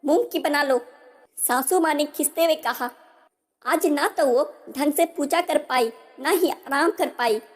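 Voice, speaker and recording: Woman storyteller, pretty high voice, steady reading, long echo like a hall. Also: measured pace, faint music behind. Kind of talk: scripted story narration.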